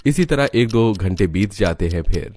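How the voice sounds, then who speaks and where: A man narrating an animated family story in a steady storytelling way. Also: lowish voice, moderate pace, no echo.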